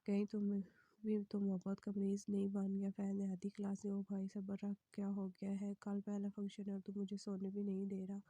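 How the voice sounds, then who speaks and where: Woman narrator for a romance novel reading, very flat and dark in tone, soft and breathy, close dry mic. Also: mid-range voice, brisk, dry recording. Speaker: novel reader.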